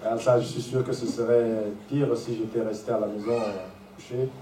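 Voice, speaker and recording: A man interpreting a sermon into French phrase by phrase, pausing and restarting as he finds the words. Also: fairly low pitch, steady tone, mellow, a little hiss or hum. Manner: hesitant, with restarts and fillers while translating. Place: church conference hall. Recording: echoey hall, voice from far off the mic.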